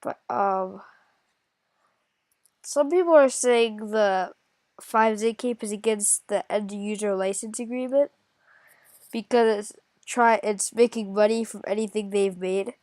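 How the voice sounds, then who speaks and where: A gaming tutorial creator with a cold-stuffed nose thinks aloud through a casual screen-recorded game walkthrough, hesitant, pausing often, and correcting herself. Her medium-pitched voice is a little mellow. The recording is dry, with clean studio sound.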